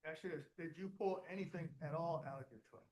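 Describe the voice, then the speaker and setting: Male attorney, slightly high voice, formal step-by-step witness questioning. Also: fast, a little mellow, low-quality recording.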